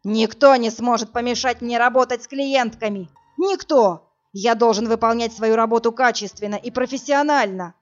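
A woman's voice: fairly high pitch, moderate pace, faint music behind, natural voice. A woman reading the lines of a nervous young man who slips into a manic rant in an audiobook. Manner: nervous, faltering, then ranting. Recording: dull lo-fi audio.

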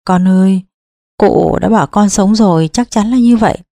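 A woman's voice: mid-range voice, normal speed, warm tone, no room sound, clean studio sound, close to an everyday voice. A woman reading an audiobook, voicing an anguished, loving middle-aged father who speaks tenderly and pleadingly.

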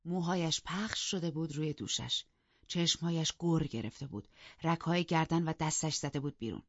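A woman narrating an audiobook in a measured storytelling manner. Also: low-pitched, no echo, dull audio. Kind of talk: scripted narration.

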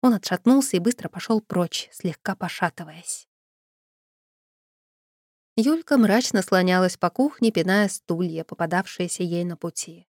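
A woman reading a first-person fantasy audiobook with dramatic, expressive storytelling. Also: lowish voice, normal speed, no room sound, studio quality. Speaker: audiobook narrator.

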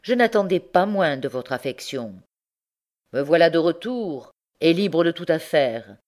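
Audiobook: indignant young husband whose voice climbs high in anger, read by a woman. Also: animated, a little slow, a little mellow. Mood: ironic. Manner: voice rises high when outraged. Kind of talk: audiobook character reading.

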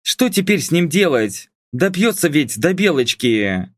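A quick-witted, sharp-tongued young woman who mocks with dry irony, as a male narrator puts her on. Her voice rides high above the reader's own, in a dry, close recording. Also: very animated, dry recording, heavily acted. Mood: exasperated. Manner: mocking, teasing.

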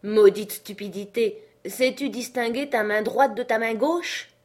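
A raised, urgent voice for a feverish gentleman barking orders up into a tree, as a woman reading a storybook acts him out. He is impatient and commanding throughout. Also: a little high, a little slow, pitched above the performer's own voice.

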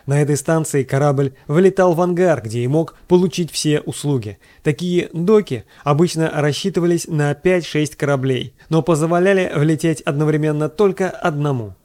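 A man narrating a science fiction audiobook in a steady, scripted reading. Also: a little high, normal speed, few pauses.

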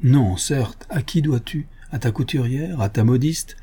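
A man playing a devoted older father who turns indignant and forceful when roused. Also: mid-range voice, unhurried, breathy edge, voice pushed up. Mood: indulgent.

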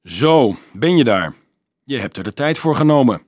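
A man reading an audiobook voices a brawny, grumbling medieval baker with a gruff manner. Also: a little high, big pitch swings, quick pace, no echo, studio quality, voice pushed up.

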